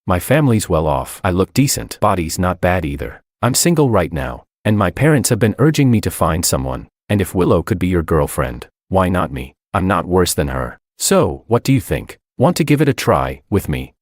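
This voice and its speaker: A man voicing a sweetly scheming young woman who talks softly and coaxingly, with a low voice and dry sound. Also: very animated, moderate pace, hardly any pauses, dry recording. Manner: soft, coaxing.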